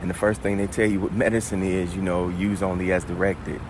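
Deep-voiced man podcasting over traffic noise. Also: level tone, fairly quick. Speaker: guest podcast host. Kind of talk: conversational, faith-based podcast talk. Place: outdoors on location, traffic behind. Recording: outdoor location with clear traffic noise.

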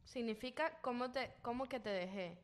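A woman's voice: fairly high pitch, normal speed. A Venezuelan woman with a Venezuelan accent, chatting casually in a group, reading out sayings and laughing often.

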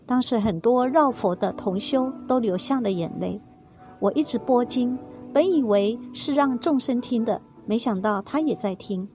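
A woman's voice: fairly high pitch, normal speed, a little mellow, faint music behind. A woman reading a first-person testimony aloud in a tender, earnest storytelling manner.

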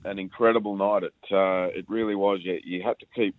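Aussie football analyst on a tinny phone line, deep voice, halting, lots of ums. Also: male voice, fairly even intonation, dry recording. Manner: hesitant, lots of uh and um, repeats words. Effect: over the phone. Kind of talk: casual radio phone-in chat.

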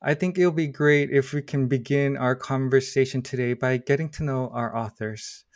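A man's voice: medium pitch, no echo, studio quality. A man hosting a podcast, reading formal guest introductions with small stumbles. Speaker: podcast host.

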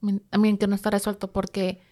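A woman's voice: medium pitch, completely flat delivery, a little fast, mellow. A woman co-hosting a true-crime podcast, chatting casually and slangily and mixing in English words. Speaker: podcast co-host.

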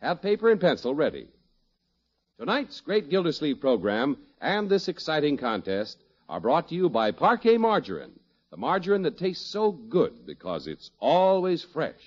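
A man's voice: fairly high pitch, wildly swooping pitch, moderate pace. An American man announcing in the emphatic, showman-like style of an old radio announcer, reading scripted sponsor copy and narration. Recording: muffled vintage radio recording, music behind.

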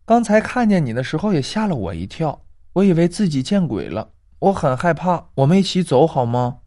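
A man voicing a frightened village schoolgirl, pitching his voice up and pleading in a high whine. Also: big pitch swings, fairly quick, mellow.

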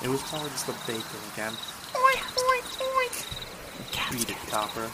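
An actor playing a cocky, slangy young boyfriend in an audio drama. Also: male voice, medium pitch, very fast, lightly acted. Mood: sulky. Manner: slangy, smart-alecky, casual. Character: cocky young man, sleazy boyfriend and storyteller. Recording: noisy outdoor night with crickets and birds.

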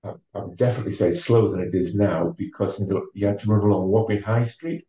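Male guest, low mellow voice, unhurried anecdotes, full of ums. Roomy, slightly distant, lo-fi recording. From North East England. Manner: measured, with many ums and restarts. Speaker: interview guest, former marathon runner. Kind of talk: relaxed storytelling. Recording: dull, roomy sound from off the mic.

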